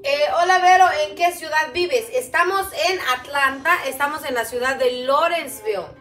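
A high-pitched woman from Guatemala, first language Chuj, chatting warmly with viewers as she hosts a cooking livestream. She talks into a camera set a little way off. The sound is roomy and echoey, with faint music behind her. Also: normal speed. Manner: warm, chatty, calls viewers "mamita". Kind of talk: casual livestream chat reading viewer comments. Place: home kitchen, indoors. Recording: echoey kitchen, distant mic.

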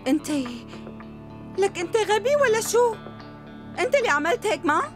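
A woman dubbing a furious teenage schoolgirl who yells insults in a TV drama. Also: very high-pitched, animated, normal speed, soft background music. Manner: shrieking insults, yelling. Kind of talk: dubbed TV drama.

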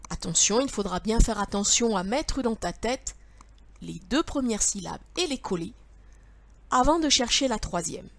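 A woman's voice: on the high side, expressive, normal speed, fairly bright tone, no echo. A woman teacher leading young children through word riddles, patient and sing-song, speaking straight to the child.

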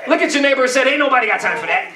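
Racing and animated, this middle-aged pastor's extremely high voice rings through a very noisy, echoey church, recorded by a distant camera. Preaching from the indoor stage, he urges his congregation on with repetitive, colloquial lines and keeps asking "amen?".

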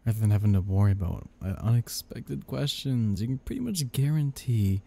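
A man's voice: lowish voice, big pitch swings, a little fast, creaky, warm tone, exaggerated voice. A man playing a sly, coaxing male devil who schemes with playful menace in an ASMR audio role-play. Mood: persuasive.

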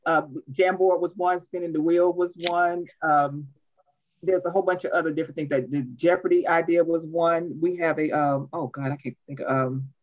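A woman leading an online church workshop, talking fast and animated. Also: deep voice. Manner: fast, animated, says she talks too fast. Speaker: workshop presenter. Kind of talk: online workshop, casual talk. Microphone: video call. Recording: lo-fi video call audio.

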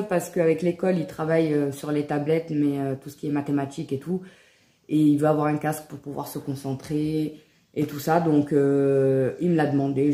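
A woman in her thirties chats excitedly through a shopping haul, her voice low and mellow. She fills her talk with little fillers and "hop"s as she goes. The sound is roomy and echoey, with a faint hiss behind it. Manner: chatty, enthusiastic, many fillers and "hop". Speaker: home vlogger showing a shopping haul. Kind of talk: casual haul vlog to viewers. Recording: echoey room with faint background noise.

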